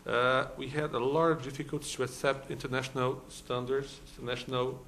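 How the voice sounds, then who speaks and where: This man is a law professor from Brazil, speaking with a Brazilian Portuguese accent in a conference hall talk. His mid-range voice is level, brisk and fairly bright, yet hesitant, packed with fillers and restarts, over slight background noise.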